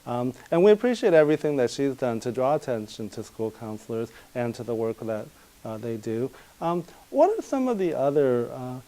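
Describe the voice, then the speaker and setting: A man's voice: medium pitch, very animated, normal speed, dark tone, rough recording. A man hosting a webinar interview, asking questions politely with many hesitations and restarts.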